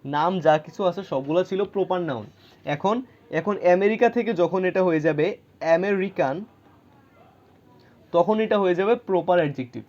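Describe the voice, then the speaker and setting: A man's voice: sits high, moderate pace, pauses often, darkish tone, highs cut off. A man teaching English grammar, explaining patiently and checking in with rhetorical questions. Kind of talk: explaining grammar lesson to students.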